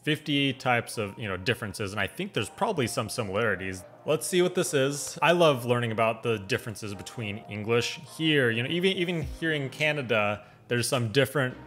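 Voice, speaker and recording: A man's voice: medium pitch, expressive, fairly quick, hardly any pauses, a bit bright, faint music behind. Casual American man with a standard accent. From United States, West Coast. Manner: rambling, conversational, curious. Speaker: reaction video host. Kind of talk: casual reaction commentary. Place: small indoor room at home.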